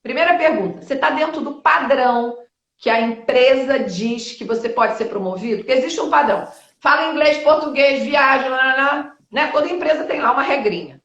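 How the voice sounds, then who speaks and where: Over a video call, a woman in her fifties with a high-pitched voice joins a live stream as a guest for a casual interview. She is blunt and lively, tossing in mild swearing and quick asides, while the lo-fi, dull audio carries room echo.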